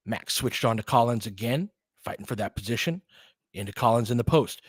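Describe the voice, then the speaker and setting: A fan calls basketball play-by-play in excited bursts punctuated by quick laughs. His medium-pitched voice is slightly rough, and the recording has no echo.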